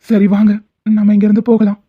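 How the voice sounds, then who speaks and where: A woman's voice: medium pitch, monotone, a little fast, breathy edge, lightly acted. A woman voicing a protective, righteous male doctor in a cartoon drama, who speaks in a reassuring but firm way. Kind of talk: cartoon voice acting. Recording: tinny phone-like sound.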